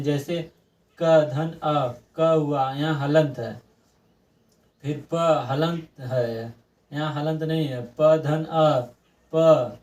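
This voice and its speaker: A man's voice: a little high, a little mellow. Repetitive male teacher, slightly distant mic. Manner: repetitive, asks and answers own questions; draws out sounds slowly when demonstrating. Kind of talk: exam-prep grammar lesson.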